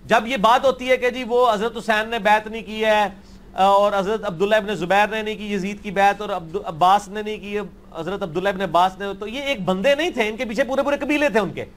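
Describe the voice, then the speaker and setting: A man answers questions in a blunt, dismissive, argumentative manner. His voice sits high for a man, and he brushes objections aside with short, firm replies. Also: steady tone. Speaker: religious scholar answering questions.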